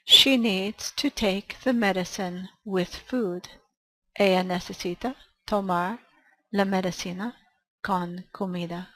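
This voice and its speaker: A woman gives a bilingual language lesson at a very slow, deliberate pace, pausing after each phrase. Her voice sits at a middle pitch, and she reads each line carefully. is her tongue. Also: fairly even intonation, bright, forceful tone, no room sound, low-quality recording. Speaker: English teacher.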